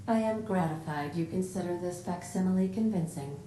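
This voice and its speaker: A calm female ship computer, voiced by a woman, polite and exact in every phrase. Her tone sits low and mellow, with a roomy echo around it. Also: moderate pace, natural voice. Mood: calm formal. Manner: polite, precise, formal. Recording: roomy echo, faint rumble.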